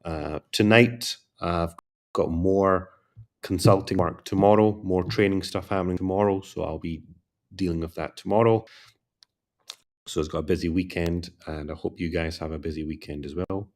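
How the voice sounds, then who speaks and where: A man with a very low voice closes out a long livestream as a career coach. He sounds tired and yawns between thoughts, talking in a loose, rambling way and repeating his requests to like and subscribe. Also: steady tone, normal speed, a little mellow. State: tired, yawning. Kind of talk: casual livestream chat.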